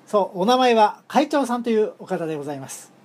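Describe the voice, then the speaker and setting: Woman host, solo travel tale, formal and polite, drily funny, mid pitch, hesitant delivery. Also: lively intonation, fast talker, darkish tone. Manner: polite and formal with humorous asides; frequent hesitations while recounting. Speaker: podcast host.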